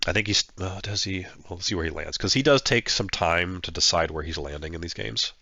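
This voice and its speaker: This man, congested from a flu, casually commentates his own tabletop battle, thinking aloud and hesitating with fillers in a nasal, stuffed-up voice. His voice sits low and sounds gravelly, bright, and forceful, with a brisk pace. There is no echo.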